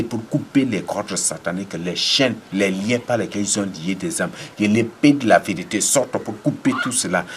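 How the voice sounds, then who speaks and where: A man's voice: lowish voice, a little hiss or hum. A man, preaching and praying with commanding, repetitive declarations and sudden emphatic rises. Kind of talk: deliverance prayer and preaching.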